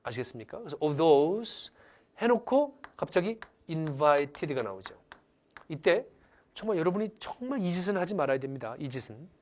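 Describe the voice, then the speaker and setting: A man's voice: a little high, normal speed, a little hiss or hum. A man teaching English grammar in a lecture. He acts out examples theatrically and keeps asking the class whether they understand. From Korea. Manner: lively, theatrical, asks the class questions often. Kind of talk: animated lecture with acted-out examples.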